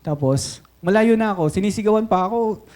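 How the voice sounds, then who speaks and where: A Filipino male pastor delivers a lively sermon in a notably high voice. He tells stories with animation, slips between English and Tagalog mid-sentence and keeps asking his congregation "Okay?". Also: fairly quick. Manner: animated storytelling preacher.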